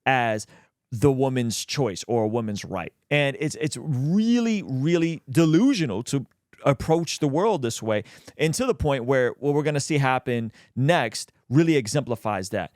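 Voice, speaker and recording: A man's voice: medium pitch, animated, normal speed, darkish tone, no echo, clean studio sound. A man giving casual, opinionated video commentary as a host, speaking colloquially and with emphasis. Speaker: host of a reaction show.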